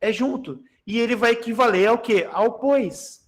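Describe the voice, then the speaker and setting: Animated high-voiced Brazilian teacher. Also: male voice, moderate pace. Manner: animated, jokey, addresses class directly. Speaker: Portuguese teacher. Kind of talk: lively exam-prep class. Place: classroom.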